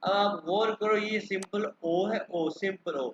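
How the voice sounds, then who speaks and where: Slow Pakistani man teaching German. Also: high voice. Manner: slow and repetitive, spelling letters out loud. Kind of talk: online language lesson. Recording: dull lo-fi call audio with faint noise.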